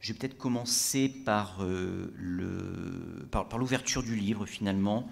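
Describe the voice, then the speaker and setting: A man's voice: deep voice, measured pace, gravelly. A man giving a talk about a book in a library lecture room, hesitant and full of fillers and restarts, before reading extracts aloud.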